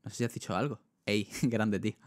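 A man's voice: lowish voice, steady tone, brisk, no room sound. Chatty young Spanish man, dry sound. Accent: Spain. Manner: rambling, full of fillers, talks straight to chat. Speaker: streamer. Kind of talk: casual livestream chat.

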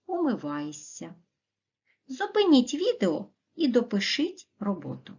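Slow, lively-voiced woman teacher. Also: fairly high pitch. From Ukraine. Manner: clear, slow and deliberate, stressing word endings. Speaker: primary school teacher. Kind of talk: recorded video lesson for children. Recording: dull, muffled lo-fi audio.

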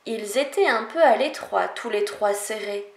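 Une enseignante lit un conte aux enfants avec une diction lente et expressive. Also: female voice, medium pitch, roomy sound. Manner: slow, expressive, melodic. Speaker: teacher reading aloud. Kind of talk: storybook reading for children.

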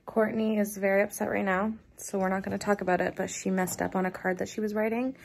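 A woman's voice: medium pitch, little pitch movement, fast, gravelly. A woman chatting playfully and teasing while vlogging outdoors on a city street. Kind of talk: casual vlog chat.

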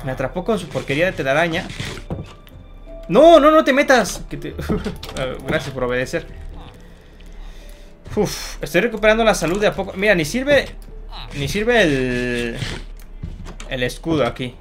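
A young man giving excited Minecraft gameplay commentary, shouting and pleading at the game and talking to his viewers. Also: a little high, normal speed, long pauses, soft background music. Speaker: gaming youtuber.

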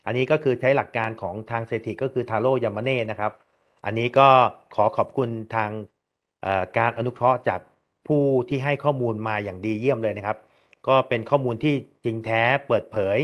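A man's voice: medium pitch, fairly quick, lo-fi sound. A man giving a methodical technical lecture on engineering research, politely working through numbered points with frequent hesitations.

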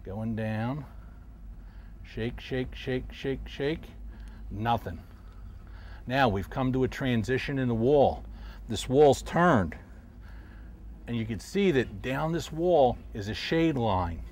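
A middle-aged man, a professional angler, calmly explaining his technique while fishing from a boat on a river, recorded outdoors on a lapel mic. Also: mid-range voice, slow pace, long pauses. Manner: calm, explanatory, talks while casting. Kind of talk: instructional fishing commentary. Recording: faint outdoor noise.

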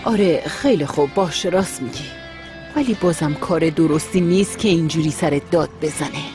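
A woman's voice: deep voice, music in the background. A fussy, bossy mother. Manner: bossy, nagging. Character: fussy caring middle-aged mother. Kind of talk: Persian dub of a TV series.

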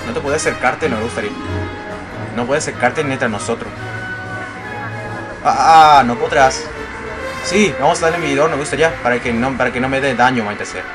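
A man playing a racing game and commenting playfully, yelping and shouting whenever he crashes. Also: medium pitch, fairly quick, long pauses. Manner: excitable, yelps and shouts at crashes. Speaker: gameplay commentator. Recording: game music loud behind voice.

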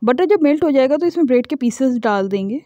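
A woman, the host of a cooking channel, calmly explaining each step of a recipe in a home-kitchen voice-over. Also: sits high, quick pace, no echo, soft background music. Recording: dull lo-fi voice-over.

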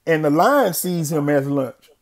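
A man's voice: a little high, lively intonation, unhurried. Man, host, casual chat, easygoing, slang-heavy. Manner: affirming with frequent murmurs and slang.

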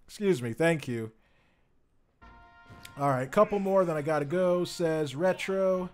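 A man hosting a casual gaming stream, excitable and laughing often as he plays and reads viewer comments. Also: a little high, slow, faint music behind. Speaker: streamer host.

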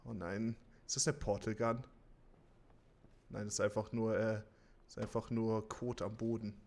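A man commenting on his own online gameplay live, muttering quietly at times and breaking into panicked shouting and swearing, with self-mocking jokes. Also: fairly low pitch, flat delivery, a little slow. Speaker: streamer.

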